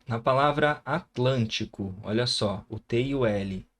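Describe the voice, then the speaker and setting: A man's voice: mid-range voice, measured pace, a bit bright. A man with a Brazilian Portuguese accent teaching a recorded grammar lesson, patiently sounding out syllables and often checking in with the viewer.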